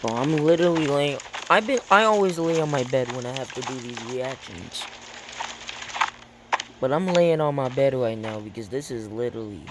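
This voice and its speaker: A man's voice: medium pitch, normal speed. A young man lying on his bed, reacting to a video in a casual, slangy, exclaiming way. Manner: slangy, exclaiming, laughing often. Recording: loud background noise.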